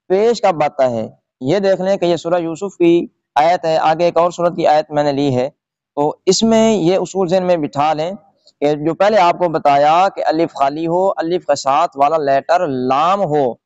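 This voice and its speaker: A man's voice: fairly high pitch, darkish tone, no echo. A man teaching Quran reading in a tutorial lesson, patiently explaining rules step by step and checking in with his listeners. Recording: dry, slightly dull lo-fi recording.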